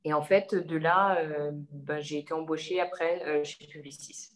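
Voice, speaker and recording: A woman's voice: deep voice, fairly even intonation, normal speed. A young woman from the Savoie region of France, talking casually as an interview guest, hesitant and full of fillers and restarts. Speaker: interview guest, advertising creative.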